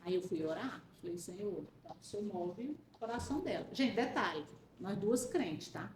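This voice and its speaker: A woman from central Brazil telling a personal faith story in a casual chat, lively and acting out the voices of the people in it. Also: medium pitch, moderate pace. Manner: animated storyteller, acts out quoted voices. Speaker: guest. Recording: roomy sound, faint background hiss.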